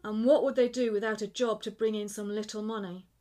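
A woman reading a short story aloud in a measured, expressive narration. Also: mid-range voice.

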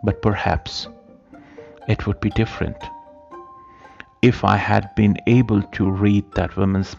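Male reader for a period story audiobook, very gravelly and slow, dull lo-fi sound with soft music underneath. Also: lowish voice. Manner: slow, halting delivery with repeated words. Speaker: narrator.

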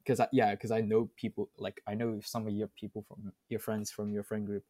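A man's voice: fairly low pitch, level tone, fairly quick, mellow. A teenage man, chatting casually with friends, rambling with lots of fillers and restarts. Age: teens. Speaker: student. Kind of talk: casual chat.

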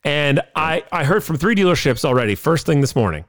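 A man's voice: fairly high pitch, a little fast, no echo. A man hosting a casual podcast, talking into a studio mic with an exasperated, laughing manner. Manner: exasperated, laughing often, animated. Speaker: podcast host. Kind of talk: casual banter.

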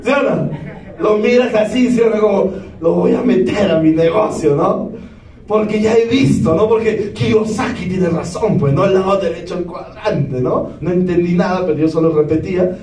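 A man with a very high voice gives a lively talk on stage and keeps pressing the audience with yes-or-no questions. He sounds far from the mic, and his voice rings around a large echoey hall. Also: normal speed. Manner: keeps asking the crowd yes or no. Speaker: motivational speaker.

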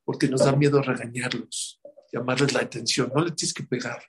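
A man's voice: mid-range voice, flat delivery, normal speed, fairly bright tone, husky. A man giving a religious talk, telling stories and repeating words for emphasis. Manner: storytelling, acting out quotes, repeats words for emphasis. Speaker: religious speaker. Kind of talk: sermon.

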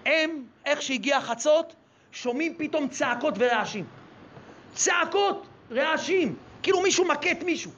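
A male rabbi preaches and tells stories in an animated way, often asking rhetorical questions. His voice is very high and bright. The recording is dull and lo-fi. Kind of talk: sermon with storytelling.

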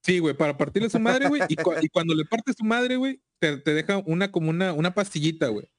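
A man's voice: sits high, expressive, quick pace, dry recording, clean studio sound. A Mexican man chatting casually in laddish, profane bro slang. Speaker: video game collector. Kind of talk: casual chat.

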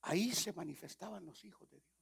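A male pastor preaching a sermon dramatically, swinging between loud exhortation and whispers. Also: high-pitched, brisk, vocal fry, husky.

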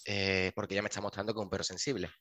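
A man's voice: low voice, racing, a little hiss or hum. A man from who works at a dog shelter, telling an anecdote in casual chat and acting out the dialogue. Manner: animated, acts out dialogue in his anecdotes.

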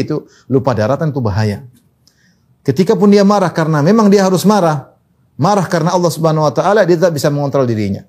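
Male preacher, slightly high voice, emphatic, repeats key points, swings pitch widely. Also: darkish tone. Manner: quotes Arabic scripture, emphatic repetition, pitch swings widely. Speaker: Islamic preacher. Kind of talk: religious lecture.

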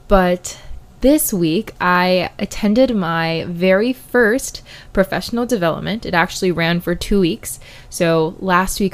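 A woman's voice: lowish voice, clean tone. A woman hosting a solo podcast in a casual, chatty, informal way, recorded indoors in an apartment hallway. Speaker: podcast host and science teacher.

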